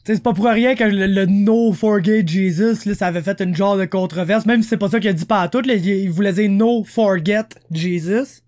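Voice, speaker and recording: Quebec guy co-hosting a podcast, kinda high voice, slangy, throws in english words all the time. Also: quick pace, hardly any pauses. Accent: Quebec French. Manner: slangy and animated, drops English words into his French. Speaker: podcast co-host. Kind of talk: casual podcast chat.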